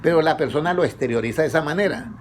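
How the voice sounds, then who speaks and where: A man preaching conversationally, asking his congregation questions and letting them answer, his pitch rising on each question. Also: rapid-fire, a little hiss or hum. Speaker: pastor leading a Bible study. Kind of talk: conversational sermon.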